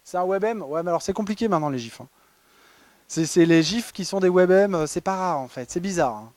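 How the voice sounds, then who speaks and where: A man's voice: sits high, lively intonation, brisk, a little mellow, no echo. A man presenting a humorous award talk at a conference, ironic and chatty with many fillers and restarts. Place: conference hall.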